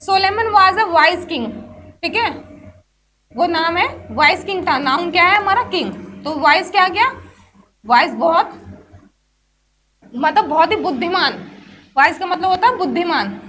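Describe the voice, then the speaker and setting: A woman's voice: very high-pitched, expressive, moderate pace, long pauses, a bit bright. A woman teaching English grammar in a chatty class lesson, often asking herself questions and answering them. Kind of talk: explanatory class lesson mixing Hindi and English.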